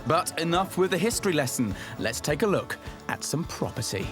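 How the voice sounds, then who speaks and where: Lively punning male property presenter. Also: on the high side, a little fast, over music. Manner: playful, punning, theatrical asides. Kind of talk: jokey TV presenting and narration.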